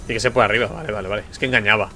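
A man's voice: on the low side, fairly even intonation, rapid-fire, sharp tone. A man from commentating his gameplay, frustrated, muttering and swearing. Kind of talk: let's play commentary. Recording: faint music behind.

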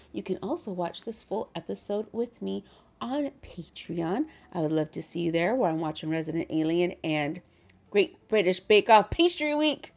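A woman chatting casually as she hosts a reaction video from her bedroom, animated and laughing often. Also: fairly low pitch.

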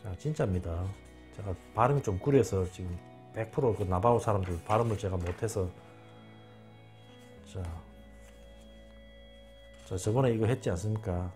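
A man's voice: on the low side, normal speed, pauses often, darkish tone, faint music behind. A man giving an informal spoken lecture, emphatic and repeating words over and over. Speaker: channel host.

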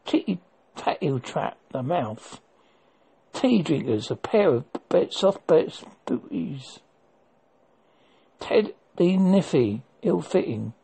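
Casting: husky, creaky speaker with a broad old West Country Devon accent, folksy, unhurried, halting word-list delivery. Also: medium pitch, a little mellow. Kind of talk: casual vlog, reading out a dialect word list with meanings.

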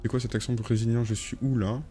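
A man's voice: medium pitch, level tone, quick pace, mellow, soft background music. A man chatting casually with his viewers while playing a game live on stream. He rambles, hesitates with lots of fillers and corrects himself, cracking jokes as he goes. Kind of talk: casual live gameplay chat.

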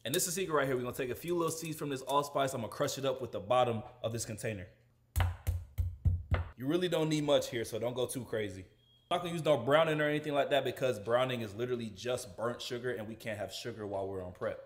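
A man's voice: medium pitch, fast. A young man talking casually to camera in a slangy, laid-back way while cooking in a large home kitchen. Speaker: fitness vlogger. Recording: echoey kitchen room.

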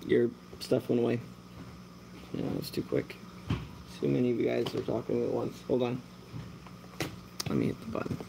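In his dimly lit shop at night, a laid-back man in his thirties who breeds mantises chats on a casual livestream Q&A, working as he talks. Born in Germany and raised American, he has a gravelly, low-key voice, moderate pace, many fillers and long pauses, with a faint room hum behind him.

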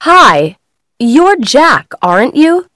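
A woman on an English course listening recording, asking children clear, deliberate questions. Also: high-pitched, big pitch swings, fairly bright tone, dry recording, studio quality, full character voice. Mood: friendly.

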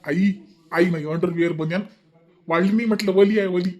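A man voicing a bossy, petulant young husband in a cartoon, with a Vidarbha Marathi accent, nagging and repeating himself in rapid bursts. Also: high-pitched, steady tone, a little mellow, natural voice. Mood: whining. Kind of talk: cartoon voice acting.

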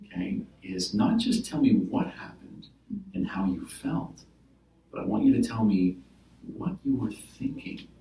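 Man, therapist role-play, low mellow voice, roomy and distant sound. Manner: explaining gently with many "right?" and "like" fillers.

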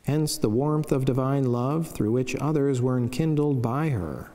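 Speaking in a mid-range voice, a middle-aged man who is a Franciscan friar and priest reads a saint's life from a devotional script, soft and mellow in tone and solemnly paced. The indoor, wood-panelled chapel wraps his lectern-mic delivery in lengthy reverberation.

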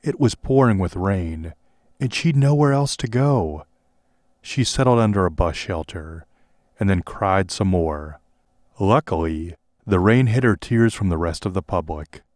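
A man narrating a parody audiobook in a deadpan way. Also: lowish voice, measured pace, dry recording, studio quality.

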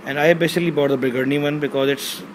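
An Urdu-speaking man casually unboxes a product in a small bedroom, filming on a handheld phone. His voice is a little high, steady, and quick, and he hesitates with many fillers while reading the box labels aloud. There's background noise.

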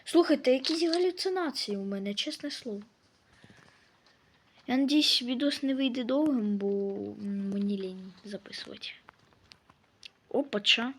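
A woman's voice: on the high side, lively intonation, a little hiss or hum. A woman giving casual let's-play commentary, scolding and swearing at the game characters as she plays. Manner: slow, drawn-out delivery. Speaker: gameplay commentator.

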